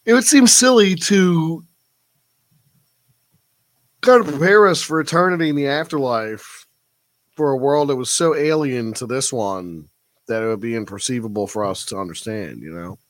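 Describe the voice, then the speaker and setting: A man's voice: mid-range voice, moderate pace, pauses often, no room sound. A man hosting a live stream, reading out viewer comments and musing on them in a thoughtful, casual way. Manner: thoughtful, reflective, with frequent fillers. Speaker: livestream host.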